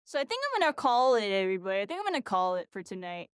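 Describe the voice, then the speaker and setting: Speaking very fast in a smooth, sing-song, medium-pitched voice, a worn-out woman streamer chats casually after a long session. She rambles with lots of "like" and "you know," and the studio-quality recording has no room sound.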